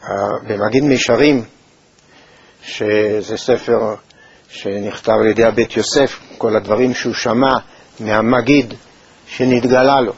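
A man teaching a Torah lesson in a measured, thoughtful way, with pauses and hesitations. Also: mid-range voice, steady tone, slightly rough, no echo. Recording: dull, lo-fi recording.

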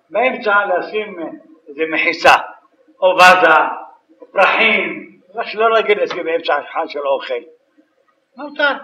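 Guy lecturing like a rabbi, high voice, sounds far off in a boomy room, kinda dull. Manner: animated storytelling, acting out voices. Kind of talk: Torah lecture on kosher law. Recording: distant, roomy, dull sound.

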